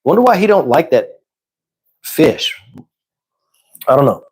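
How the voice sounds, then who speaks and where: Fairly high and husky, this man's voice keeps a measured pace as he runs a casual livestream. Though he's losing his voice, he stays relaxed and conversational, responding to what viewers ask in the chat.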